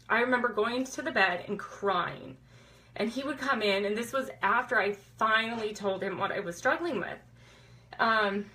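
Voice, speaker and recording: A woman's voice: fairly high pitch, bright, forceful tone, low-quality recording. A woman in her thirties, a chiropractor, telling her own story to viewers in a candid, conversational way with frequent "um" fillers. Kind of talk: personal story told to viewers.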